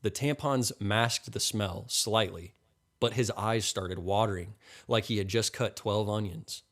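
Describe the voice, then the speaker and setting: A man reading a crude comedy story as scripted narration, deadpan. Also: fairly low pitch, measured pace.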